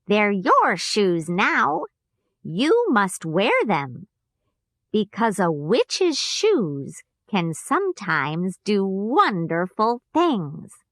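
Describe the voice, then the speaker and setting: A gentle good witch from a storybook speaks slowly and soothingly, put on by a woman reading aloud. Her voice is lively and rises high, recorded dry and close. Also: no echo, exaggerated voice. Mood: kindly.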